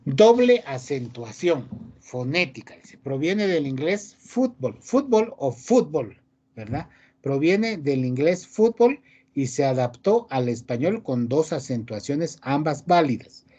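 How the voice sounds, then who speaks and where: A man's voice: medium pitch, sing-song, a little slow, mellow, lo-fi sound. A male teacher giving a class, reading rules aloud and explaining them, often ending phrases with a checking question to the students. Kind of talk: online class lecture.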